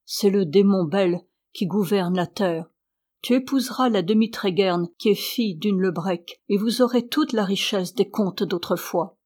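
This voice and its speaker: A woman's voice: mid-range voice, a little slow, darkish tone, lightly acted. A woman voicing a fierce, godless old peasant mother in a storybook reading, harsh and insistent.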